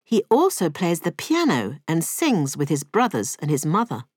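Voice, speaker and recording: A woman narrating a cartoon story in a scripted, clear storybook manner. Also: sits low, wildly swooping pitch, normal speed, a little mellow, no echo.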